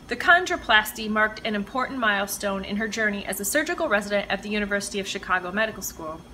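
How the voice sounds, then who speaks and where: A woman author reading her own mystery novel aloud with measured, expressive storytelling. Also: mid-range voice, a little hiss or hum, rough recording. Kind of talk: audiobook-style reading of fiction.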